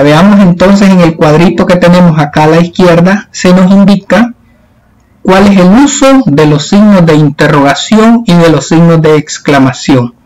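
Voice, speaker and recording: A man's voice: fairly high pitch, darkish tone, poor audio. A male teacher patiently explaining a worksheet to schoolchildren in a recorded lesson. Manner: patient, explanatory, addressing children.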